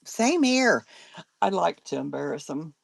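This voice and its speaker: An older grandmother talks slowly and easily on a live stream, her voice low with a gravelly edge, and her pitch swings widely. She chats and laughs between viewer comments, and the sound is close and dry. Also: sing-song, dry recording. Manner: chatty, laughs often, reads viewer comments aloud. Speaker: live-selling host. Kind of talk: casual live-stream chat.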